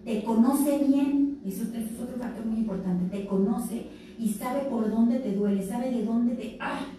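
This woman's voice is on the high side, warm and unhurried, with a Mexican Spanish accent. Speaking casually to teens at a health fair, she performs the voices of the abusers and victims she quotes. It was recorded in a very echoey event room on a distant mic, with faint noise.

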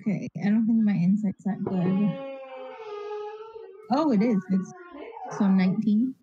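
A woman's voice: mid-range voice, a little slow. A young woman chatting casually as a player in a tabletop game. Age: young adult. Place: small room indoors, on a video call. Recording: dull video call, voices around.

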